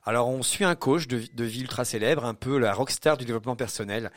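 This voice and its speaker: Guy doing the movie bit on the radio, chatty, lots of euh and bah, mid pitch. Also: quick pace. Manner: chatty, filler-heavy, laughs easily. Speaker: film critic on radio. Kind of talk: casual radio film review.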